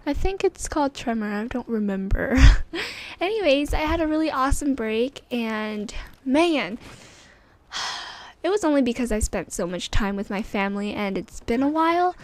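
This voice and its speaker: A young woman with a sore throat giving casual gameplay commentary, chatty and rambling, her voice rough and strained. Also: on the high side, lively intonation, unhurried. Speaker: gaming commentator.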